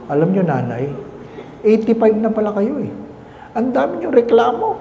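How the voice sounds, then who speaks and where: A male priest tells stories in a playful homily and slips into English, then leads a prayer. His high voice swings widely in pitch. It rings through a chapel with a long echo and steady noise behind it. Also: moderate pace, gravelly, dull audio. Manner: storytelling, playful, switching into English. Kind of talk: humorous homily and closing prayer. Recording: echoey chapel with background noise.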